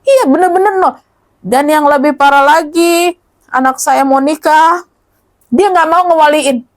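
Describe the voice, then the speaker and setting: Middle-aged woman guest, raised pitch, animated storyteller who voices the people in her story. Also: unhurried. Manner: animated, acts out quoted dialogue. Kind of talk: casual storytelling interview.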